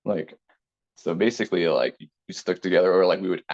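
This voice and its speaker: Casting: low-voiced man in his thirties, relaxed, rambling interview guest, slightly muffled recording. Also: brisk. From Taiwan. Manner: relaxed, rambling, many fillers. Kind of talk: casual conversational interview. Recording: slightly dull lo-fi sound.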